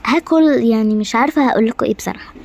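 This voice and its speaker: A woman with an Egyptian Arabic accent voicing a haughty, short-tempered queen who scolds her staff in rapid complaints. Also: a little high, darkish tone. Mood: indignant. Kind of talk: amateur game-animation drama voicing.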